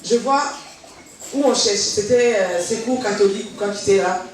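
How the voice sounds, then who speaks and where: A woman's voice: medium pitch, normal speed. Woman testifying in an echoey church. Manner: lively storytelling, acting out reported dialogue. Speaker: church member giving testimony. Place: church hall. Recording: echoey hall from far off, faint noise.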